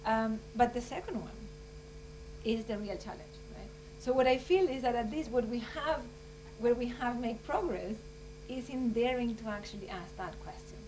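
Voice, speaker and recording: The closing remarks at this conference come from a Chilean scientist who talks earnestly and rambles, often saying "like" and "you know." Her voice is a little high and a little mellow, at a normal speed. It's captured in a conference room on a distant, humming mic.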